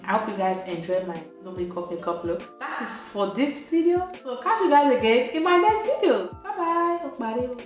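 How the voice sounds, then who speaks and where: Chatty Nigerian woman in echoey room. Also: medium pitch. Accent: Nigerian Pidgin English. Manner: chatty and playful, emphatic repetitions. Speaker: beauty vlogger. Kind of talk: casual makeup tutorial in Pidgin. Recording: very echoey room, light music behind.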